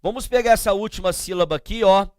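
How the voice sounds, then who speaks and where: With a high-sitting, darkish voice and a Brazilian Portuguese accent, this middle-aged Brazilian man delivers a slow, emphatic grammar lesson to his class. He spells out letters and sounds, asking questions and supplying the answers, in a clean studio recording with no room sound.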